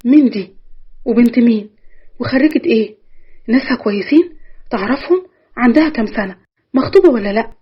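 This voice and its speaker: A woman voicing a nosy, impatient older aunt playing matchmaker, talking briskly and bossily with an Egyptian accent. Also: fairly high pitch, expressive, slightly rough, muffled recording. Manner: brisk, bossy and rapid-fire.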